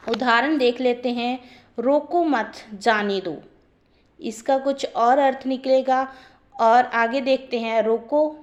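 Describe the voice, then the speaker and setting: Slow, higher-voiced woman teaching grammar. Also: a little mellow. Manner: repeats points, explains step by step. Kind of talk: grammar lesson.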